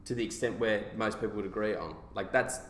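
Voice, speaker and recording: Fast-talking low man, echoey room. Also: a bit bright, a little hiss or hum. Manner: halting, restarts his points. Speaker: podcast co-host. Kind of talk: casual debate chat.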